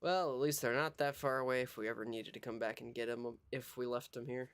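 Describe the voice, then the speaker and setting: A man's voice: medium pitch, steady tone, fast, a bit bright, clean tone. A man streaming a game and chatting with friends over voice chat, matter-of-fact with dry quips. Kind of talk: casual gaming chat. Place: online voice chat.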